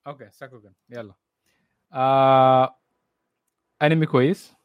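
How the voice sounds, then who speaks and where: A man's voice: medium pitch, moderate pace, clear, resonant tone, no echo, phone-quality sound. A man, hosting a casual podcast chat about anime in an easygoing way. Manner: relaxed, easygoing, laughs often.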